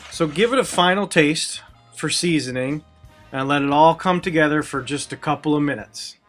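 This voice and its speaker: A man's voice: fairly high pitch, normal speed, a bit bright, faint music behind. A man hosting a cooking video, walking through a recipe step by step with wry, self-deprecating jokes. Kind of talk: cooking demonstration with jokey asides.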